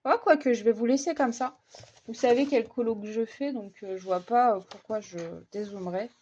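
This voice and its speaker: A woman's voice: on the high side, normal speed, darkish tone, highs cut off, slight background noise. A young woman chatting casually while coloring at her desk, hesitant and full of fillers and restarts. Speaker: vlogger. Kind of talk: casual coloring vlog chat.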